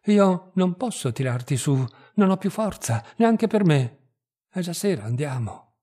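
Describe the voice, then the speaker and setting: A man voicing a tired, melancholy young woman with a soft, sighing delivery in a read-aloud story. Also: sits high, big pitch swings, measured pace, husky, heavily acted. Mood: reluctant.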